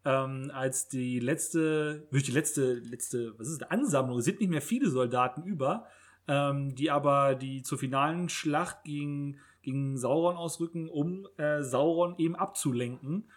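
A man's voice: a little high, unhurried. A man hosting a casual podcast chat who often restarts and repeats words.

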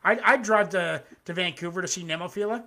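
A man with a high, brisk, sharp-toned voice hosts a live music reaction stream, chatting loosely with lots of swearing and frequent fillers. He also reads his own comic poems aloud.

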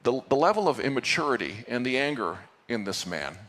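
A man's voice: mid-range voice, very animated, a little fast, fairly bright tone, big-room sound. A male pastor giving an earnest Sunday sermon to his church, with playful asides. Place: church sanctuary.

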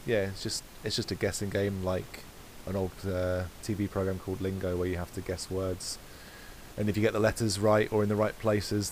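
Guy with a lowish voice rambling on a podcast, bit of hiss in the background. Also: low-quality recording. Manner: rambling, self-correcting, relaxed. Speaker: podcast co-host. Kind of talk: casual chat.

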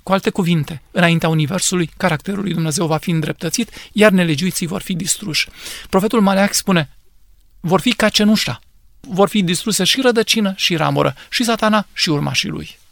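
A pastor with a fairly high voice and a gravelly, creaky texture. He teaches scripture in an earnest, measured way. The sound is dry and close. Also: a bit bright, no room sound. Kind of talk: biblical teaching answering questions.

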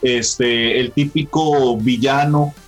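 A man's voice: medium pitch, fairly even intonation, slow pace, soft background music. A man hosting a casual pop-culture chat, explaining at length with frequent tag questions and fillers. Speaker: podcast host.

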